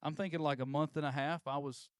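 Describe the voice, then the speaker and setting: A man's voice: a little high, steady tone, quick pace, clear, resonant tone, no room sound, studio quality. A man, a podcast guest and auctioneer, telling stories in an easygoing, joking way. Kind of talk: casual chat. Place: podcast studio.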